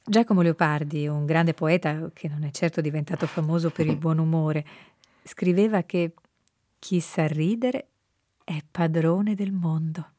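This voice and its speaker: Husky lower-voiced woman talking calm and slow-ish about spiritual stuff, dry close sound. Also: no echo. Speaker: guest speaking on spirituality. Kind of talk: reflective conversation.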